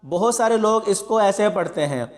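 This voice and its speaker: A man teaching Quran pronunciation in a spoken lesson, explaining each word calmly and spelling out the syllables slowly before reciting them. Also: high voice, long reverb tail.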